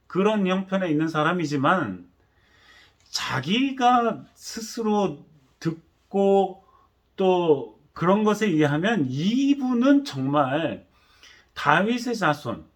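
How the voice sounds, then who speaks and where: Lively man preaching a sermon. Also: on the high side. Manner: animated storytelling, acts out voices. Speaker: pastor.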